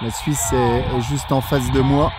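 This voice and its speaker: This ham operator's voice sits mid-range with little pitch movement, and he speaks at a measured pace over background noise. Out on a mountain at night with a handheld radio mic, he chats casually, friendly and chatty, closing with polite sign-offs.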